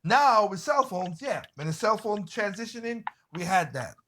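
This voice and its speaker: A man in a casual group chat, telling stories in an animated way, swearing freely and often restarting his phrases. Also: high voice, moderate pace, a little hiss or hum. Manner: animated storyteller, swears freely, exclaims loudly.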